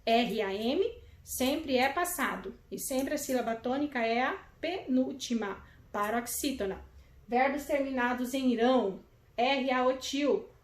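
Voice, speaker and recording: A woman's voice: sits high, echoey room. A Brazilian woman teaching a video lesson to young children, explaining patiently and affectionately. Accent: Brazilian Portuguese. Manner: affectionate, explaining slowly with fillers. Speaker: primary school teacher.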